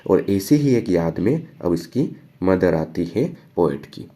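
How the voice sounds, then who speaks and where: Brief: male teacher, low dark voice, gravelly texture, slow verse readings and casual explanation. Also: very animated. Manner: reads verse lines slowly, then explains casually. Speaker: English teacher. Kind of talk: line-by-line poem explanation.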